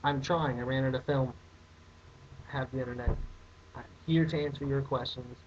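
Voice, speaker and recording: A young man hosts a casual comedic vlog, answering viewer questions in a rambling, mock-outraged way. His mid-range voice is a little mellow. The audio is dull lo-fi webcam sound with a faint hiss.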